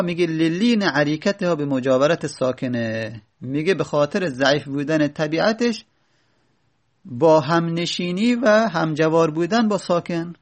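A man's voice: fairly high pitch, creaky. A man teaching a lesson, reading short lines of a grammar text and then explaining them step by step, often asking and answering his own questions.

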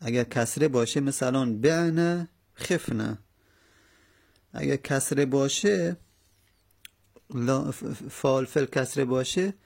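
A man teaching a grammar lesson, explaining slowly step by step with many pauses and fillers. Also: medium pitch, gravelly, darkish tone.

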